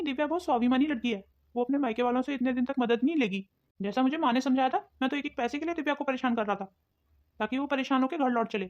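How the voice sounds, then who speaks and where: A woman's voice: sits high, darkish tone, lo-fi sound, natural voice. A woman voicing a conflicted young husband in a cartoon story, who questions and suspects his wife. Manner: suspicious, questioning. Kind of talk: cartoon voice acting.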